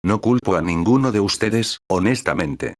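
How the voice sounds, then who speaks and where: A man voicing a calm, serious young male captain who speaks in a composed, measured way. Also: fairly low pitch, no room sound, studio quality.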